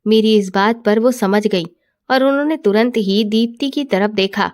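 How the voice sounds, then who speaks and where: A woman's voice: mid-range voice, moderate pace, darkish tone. Woman narrating a first-person story.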